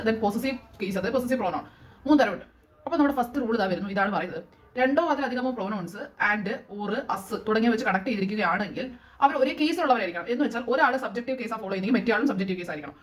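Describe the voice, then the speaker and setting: Fast-talking Malayali woman teaching grammar. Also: on the high side. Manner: asks questions and answers them herself, mixing in English phrases. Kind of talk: explaining grammar lesson.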